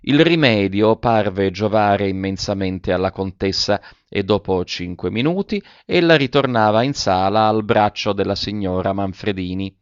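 A man narrating a literary story in a measured, even way. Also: on the low side, clean tone, no room sound, lo-fi sound.

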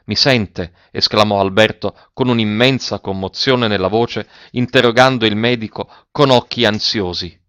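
A man narrates a novel in a measured, grave reading. His voice sits low. The sound is dry with no room echo, and the recording is somewhat dull. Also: fairly bright tone. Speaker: audiobook narrator. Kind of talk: scripted narration.

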